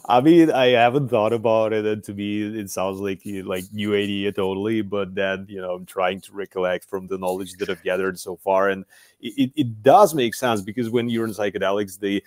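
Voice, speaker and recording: Deep-voiced young man, dry and close. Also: steady tone, normal speed, darkish tone, dry recording. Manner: thoughtful, searching for words, laughs easily. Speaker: podcast host. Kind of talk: casual conversation. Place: home room with bookshelf, video call.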